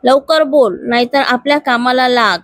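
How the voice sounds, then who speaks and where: A woman's voice: high-pitched, fairly even intonation, moderate pace, lightly acted. A woman voicing a short-tempered male boss who snaps and speaks curtly. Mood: irritated. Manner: curt, irritated.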